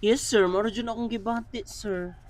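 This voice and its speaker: A woman's voice: mid-range voice, fairly even intonation, moderate pace, a little mellow, slight background noise, close to an everyday voice. A woman playing an anxious, chatty patient in a comedy sketch, fretful and polite, calling the nurse sir again and again. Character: anxious, chatty woman patient worried about blood pressure.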